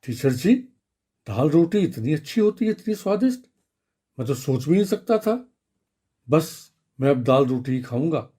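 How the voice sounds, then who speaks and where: A man voicing a fussy little schoolboy in a children's radio story, talking in an excited, childlike way with his pitch jumping up. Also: unhurried, natural voice. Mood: delighted. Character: fussy little schoolboy who wants one food.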